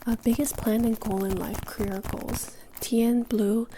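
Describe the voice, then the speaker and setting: A young woman whispering through an ASMR question-and-answer session, rambling and softly repeating words as triggers. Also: fairly high pitch, fairly even intonation, measured pace, background noise. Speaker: ASMR creator.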